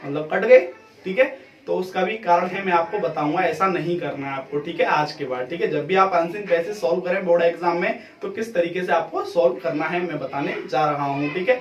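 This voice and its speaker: High-voiced male teacher, echoey room. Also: brisk, dull audio, slight background noise. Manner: repeats "theek hai" constantly. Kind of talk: exam tips lesson. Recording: echoey room, mic far off.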